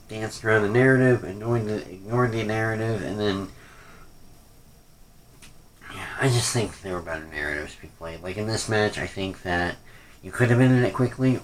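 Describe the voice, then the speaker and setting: The audio is poor, with slight background noise, as a man with a lowish, somewhat bright voice reviews a wrestling pay-per-view. His casual rant is rambling and hesitant, often trailing off, with a critical, unimpressed attitude.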